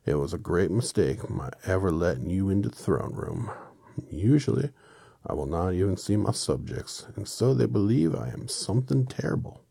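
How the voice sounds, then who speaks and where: A man's voice: deep voice, animated, normal speed, vocal fry, dark tone, slightly rough, dry recording, studio quality, pitched above the performer's own voice, heavily acted. A man voicing a meek, flustered little old man, a humbug wizard with a trembling voice, from a storybook. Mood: sheepish.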